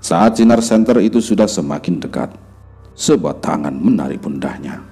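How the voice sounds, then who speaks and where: Deep, dark-toned man telling a horror story, faint music behind. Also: lively intonation, normal speed. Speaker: narrator. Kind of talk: scripted horror story narration. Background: faint background music.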